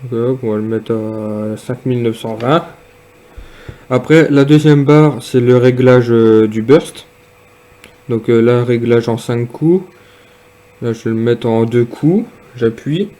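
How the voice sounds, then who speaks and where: A man's voice: medium pitch, warm tone. Hesitant man demonstrating gear. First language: French. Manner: hesitant, many pauses and fillers. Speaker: product reviewer. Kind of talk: casual product demonstration.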